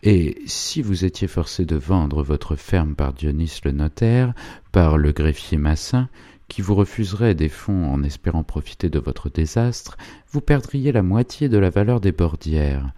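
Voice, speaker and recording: A man voicing an old village priest with a gently insinuating, persuasive manner, in an audiobook reading. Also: sits low, expressive, unhurried, no room sound. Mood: earnest.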